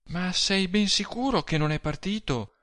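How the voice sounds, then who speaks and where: A man's voice: on the high side, very animated, slow, pushed and bright, no room sound, clean studio sound, pitched above the performer's own voice, heavily acted. A man reading an audiobook, voicing a small, frail young woman who pleads anxiously. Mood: frightened.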